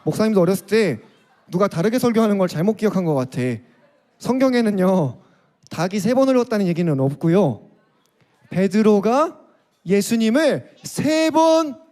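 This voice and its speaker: High-voiced male pastor telling a story. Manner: lively storytelling, asks the listeners questions. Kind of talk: storytelling sermon for children. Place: church.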